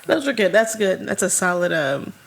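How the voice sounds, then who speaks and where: Gravelly-voiced chatty woman. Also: medium pitch, normal speed, a little hiss or hum. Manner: chatty and animated, with lots of "like". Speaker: podcast co-host. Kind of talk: casual chat.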